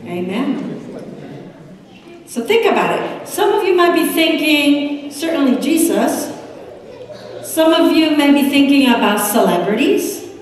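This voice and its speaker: A middle-aged woman pastor with a Puerto Rican accent preaching a sermon, gesturing as she speaks at the pulpit. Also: high-pitched. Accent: Puerto Rican Spanish. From United States. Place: large church sanctuary. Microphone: room mic from a distance. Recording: echoey sanctuary from far off.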